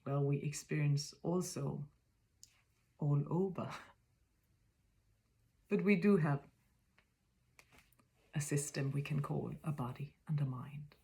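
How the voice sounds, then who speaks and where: She has a deep voice with fairly even intonation, a Danish accent, and is in her fifties, originally from Denmark. Her reflective spiritual monologue comes out soft, often whispered, and hesitant as she feels for words.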